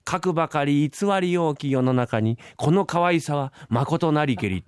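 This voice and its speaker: A man's voice: on the high side, lively intonation, moderate pace, clear, resonant tone, no echo, studio quality, close to an everyday voice. A man voicing a cheeky, scheming little boy in a rakugo story, impish and wheedling.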